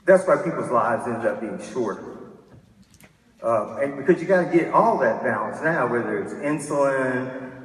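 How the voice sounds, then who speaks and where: A man in his fifties giving a candid, self-deprecating keynote talk, often restarting his sentences. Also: medium pitch. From Texas. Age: 50s. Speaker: keynote speaker. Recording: echoey hall from a distance.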